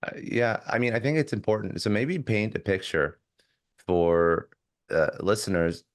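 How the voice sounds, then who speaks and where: A man's voice: fairly low pitch, lively intonation, moderate pace. A man hosting a podcast, asking long, eager, rambling questions. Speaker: podcast host. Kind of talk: interview questions.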